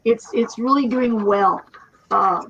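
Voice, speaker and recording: A woman's voice: a little high, slow, fairly bright tone, muffled recording, a little hiss or hum. A woman in her fifties chatting casually as a co-host, rambling with restarts and laughs. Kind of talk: casual chat on a live stream.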